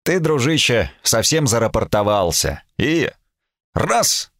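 A man voicing a slightly hoarse ship's watch officer who drawls in a relaxed, snide way. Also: medium pitch, slow, no echo, clean studio sound, pitched above the performer's own voice, exaggerated voice. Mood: lazy, mocking.

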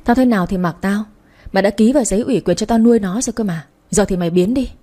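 A woman's voice: mid-range voice, quick pace, mellow, lightly acted. A woman reading a brutal, scornful husband. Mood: harsh, threatening. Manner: harsh, threatening.

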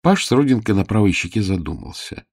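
Expressive male audiobook narrator. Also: fairly low pitch, brisk, husky, no room sound, studio quality.

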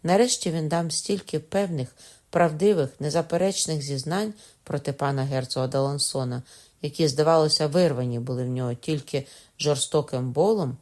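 A woman with a notably low voice reads a classic novel aloud. Her delivery is steady and measured, an even storytelling pace. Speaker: audiobook narrator. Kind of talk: scripted narration.

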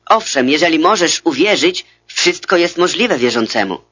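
A man reading the words of Jesus as a calm adult teacher in a measured, solemn scripture reading, on a dull lo-fi recording. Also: fairly high pitch, slightly rough, exaggerated voice.

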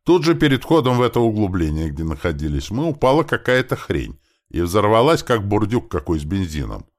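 Deep male voice, gravelly, casual first-person narration, varied intonation. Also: very animated, fairly quick. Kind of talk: audiobook narration.

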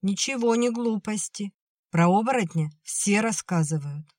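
A reader voicing a curt, sharp-tongued young woman in an audiobook. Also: mid-range voice, normal speed, no room sound, studio quality, lightly acted. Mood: teasing. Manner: curt and cutting.

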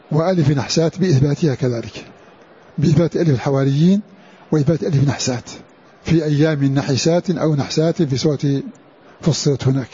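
A man giving a recorded religious lesson, measured and repetitive, slowly repeating key words as he explains. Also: on the high side, mellow, husky. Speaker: teacher of Quran orthography. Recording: dull lo-fi recording.

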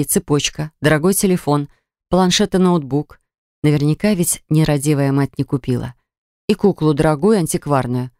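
A narrator reading a story aloud in an ironic, lively storytelling manner. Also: mid-range voice, no echo, clean studio sound. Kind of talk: audiobook narration.

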